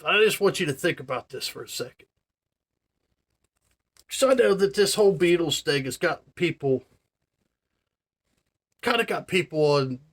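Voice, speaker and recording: A man in his forties talking in a casual, rambling monologue, full of "you know" and "man", with earnest, marvelling emphasis. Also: sits high. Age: 40s. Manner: chatty, filler-heavy, says "man" and "you know" a lot. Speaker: vlogger.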